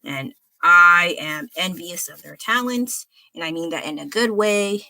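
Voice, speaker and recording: Chatty bright-voiced young woman streamer. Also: on the low side, lively intonation, measured pace, no room sound. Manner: chatty, blunt, laughs at own stories. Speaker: art livestreamer. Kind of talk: casual chat while drawing.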